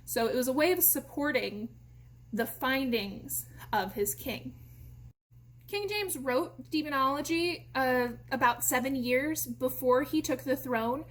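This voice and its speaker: Young woman, American accent, slightly high voice, informal educational talk, lively explainer, frequent fillers. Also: unhurried. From United States. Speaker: theatre company educator.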